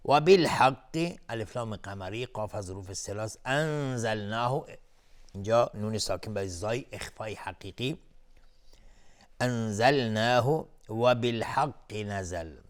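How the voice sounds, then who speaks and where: A man teaching Quran recitation rules on a broadcast lesson, explaining tajweed between slow chanted verses. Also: on the low side. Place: television studio.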